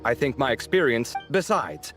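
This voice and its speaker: Man voicing a huffy, expressive young architect. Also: medium pitch, moderate pace, over music, close to an everyday voice. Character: dramatic young male architect.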